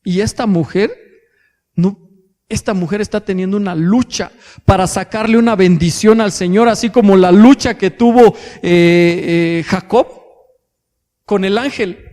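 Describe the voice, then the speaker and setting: High-voiced Mexican preacher in a reverberant hall. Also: male voice, a little slow, darkish tone. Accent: Mexican Spanish. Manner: addresses congregation as brothers, asks rhetorical questions; hesitant fillers and restarts. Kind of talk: sermon. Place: church hall.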